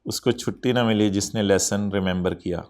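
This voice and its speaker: A man's voice: lowish voice, moderate pace, darkish tone. A man lecturing an accountancy class, teasing his students and dropping English terms into his explanation. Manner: code-switches into English terms.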